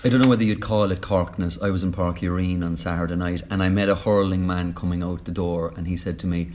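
A man's voice: low-pitched, steady tone, fast talker, a little mellow, a little hiss or hum. An Irish-accented man interviewing as a sports journalist in a conversational way.

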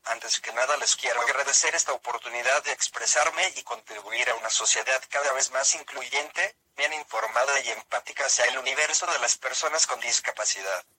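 A male synthesized text-to-speech voice like an old speech synthesizer, reading a scripted opinion segment in a robotic, measured way. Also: medium pitch, pushed and bright, poor audio. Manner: robotic, evenly measured delivery. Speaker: opinion columnist.

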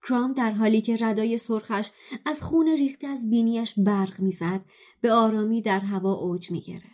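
A woman narrating a novel excerpt in a steady, measured storytelling voice. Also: on the high side. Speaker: guest reader.

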